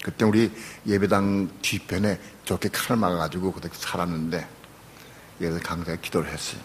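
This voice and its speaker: An older man, a pastor, preaching a sermon and telling a personal testimony, moving from quiet storytelling to loud, pleading prayer. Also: deep voice, little pitch movement, a little fast, slight background noise.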